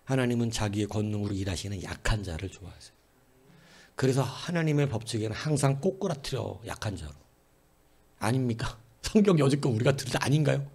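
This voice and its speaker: A middle-aged man preaching a sermon as pastor, animated and talking back and forth with his congregation, swinging between loud calls and hushed asides. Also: mid-range voice, brisk, husky. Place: church sanctuary.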